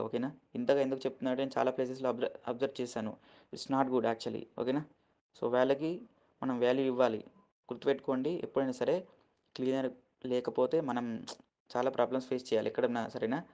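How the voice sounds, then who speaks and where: A man's voice: mid-range voice, mellow, lo-fi sound. A man teaching English vocabulary in Telugu, spelling each word letter by letter and keeping on asking his listeners if they follow. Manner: keeps asking "okay?" after each point, spells words letter by letter; earnest, gets emotional while lecturing. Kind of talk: casual lesson explaining words in Telugu.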